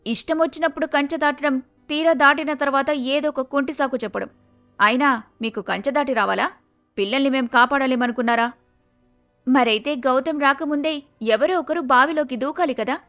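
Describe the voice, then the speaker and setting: A woman's voice: high-pitched, a bit bright. A woman voicing an outspoken young wife who argues back with indignation, in a cartoon story.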